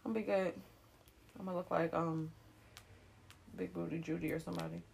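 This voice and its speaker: Woman co-host, casual banter, brash and emphatic, quick to laugh and curse. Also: on the low side, creaky, noisy background. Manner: laughing, swearing freely, animated storytelling; jokey, emphatic, drops "period" for emphasis. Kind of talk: casual chat.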